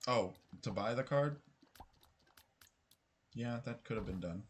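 A man's voice: medium pitch, slow, slight background noise. A man streaming gameplay live, chatting casually with his viewers, musing aloud and swearing now and then. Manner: chatty, swears, talks to chat.

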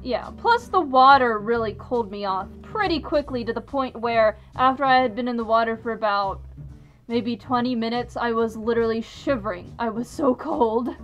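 Woman, muffled through a fursuit head, casual chat, laughs a lot, high voice. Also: expressive, normal speed, a bit bright, faint music behind. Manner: chatty, laughs often. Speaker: vlogger, fursuiter.

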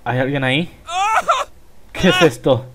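A man's voice: medium pitch, unhurried, heavy background noise. A man with a Spain Spanish accent giving casual gameplay commentary, chatty and exclaiming at the game as he plays. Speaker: gaming video host.

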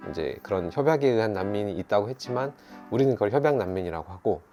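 Man, support worker type; rapid, low-pitched explainer. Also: lively intonation, mellow, faint music behind. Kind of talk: explanatory interview.

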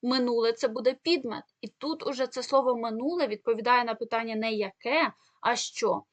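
High-voiced woman teaching a lesson. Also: a little fast, no room sound. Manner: explanatory, with frequent fillers and rhetorical questions. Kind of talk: online exam-prep lesson.

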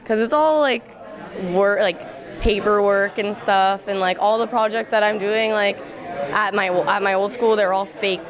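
A young adult woman with a mid-range voice speaks at a measured pace in a casual interview, her youthful, informal talk full of "like." She's a student alumni interviewee speaking into a handheld interview mic in a busy indoor school event room, with crowd chatter audible behind her.

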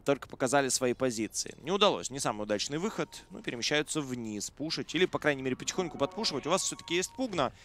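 A man's voice: medium pitch, lively intonation, fast, hardly any pauses, a bit bright. Colloquial male esports commentator, noisy game backdrop. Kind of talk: live game commentary with casual banter.

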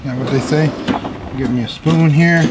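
Jolly, folksy grill dad, higher-pitched. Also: male voice, normal speed, heavy background noise. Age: middle-aged. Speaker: cooking show host. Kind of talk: casual cooking demonstration. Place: outdoor backyard grilling area.

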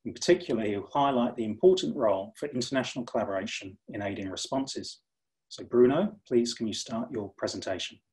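A man moderating a webinar session, reading a formal speaker introduction in a measured way. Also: mid-range voice, darkish tone, rough recording. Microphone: video call.

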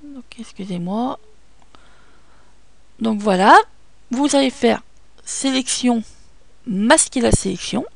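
Woman, French accent, patient software tutorial, gravelly, dry close sound. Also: a little high, slow, long pauses, dry recording. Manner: patient, hesitant, many fillers. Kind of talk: screen-recorded photo editing tutorial.

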